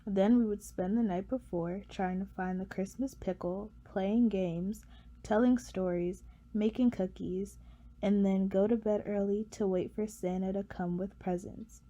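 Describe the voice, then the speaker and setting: A woman reading a personal essay for a class project in a gentle, fond way. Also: mid-range voice, fairly even intonation, a little slow. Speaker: student presenter.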